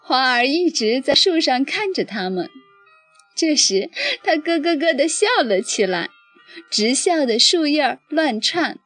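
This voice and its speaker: Woman storyteller, slow and lively, faint music bed. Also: fairly high pitch. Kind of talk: children's story reading. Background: faint background music.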